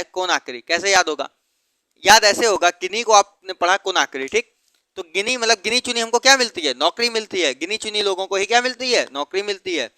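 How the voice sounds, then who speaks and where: A man's voice: high-pitched, pushed and bright, smooth, no echo. A man teaching geography through memory tricks, asking questions and then answering them himself. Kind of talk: mnemonic geography lesson.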